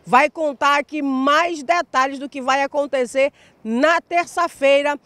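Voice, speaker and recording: This Brazilian woman, in her thirties, speaks at a measured pace in a high, slightly bright voice, and the recording is dry. Holding a handheld mic in a sunlit outdoor square, she gives a cheerful live TV field report, stretching important words, with a Brazilian Portuguese accent.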